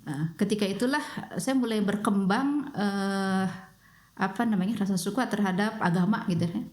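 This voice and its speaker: A middle-aged woman from West Java speaks with a Sundanese accent. She recounts her past in a reflective way, pausing and searching for words. Her voice sits at an ordinary middle pitch. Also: a little mellow. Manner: reflective, with frequent pauses and fillers. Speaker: guest. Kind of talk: personal storytelling in a podcast.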